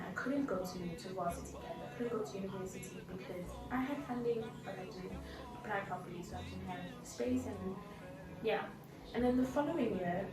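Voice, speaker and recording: A twenty-year-old woman from South Africa telling her story in a casual, rambling vlog, full of fillers and restarts. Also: mid-range voice. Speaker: vlogger. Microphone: laptop or phone camera mic. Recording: echoey room, voice from a distance, music playing.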